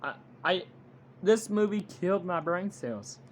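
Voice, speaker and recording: A man giving an unscripted movie review rant, halting and blunt, with frequent restarts. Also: sits high, animated, slight background noise.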